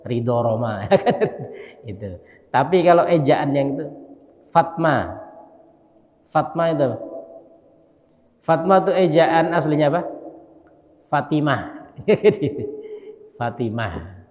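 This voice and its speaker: A male mosque imam giving a casual dawn study lecture. He talks conversationally, often checks with listeners through tag questions, and slowly spells out Arabic letters. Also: a little high, lively intonation, darkish tone, highs cut off. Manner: conversational, keeps asking listeners "ya kan?". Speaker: mosque imam and religious teacher. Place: large mosque. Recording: long hall reverb in a mosque.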